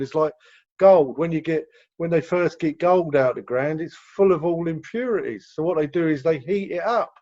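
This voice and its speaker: English man, high voice, rambling advice. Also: warm tone. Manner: rambling, explanatory, repeats words. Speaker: rehab director answering questions. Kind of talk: video call Q&A. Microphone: video call. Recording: dull lo-fi video call audio.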